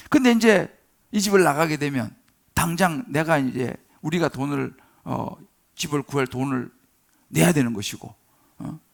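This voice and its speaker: A middle-aged man preaching a sermon as pastor, swelling loud and high on key words and telling stories with chatty asides and tag questions. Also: vocal fry.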